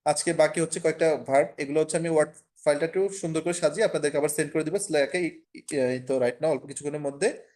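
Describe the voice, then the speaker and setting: A man's voice: fairly high pitch, fairly even intonation, fast talker, a little mellow. A man from Bangladesh teaching French over a video call, explaining in Bengali with English and French phrases mixed in and many fillers. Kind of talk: online class lecture.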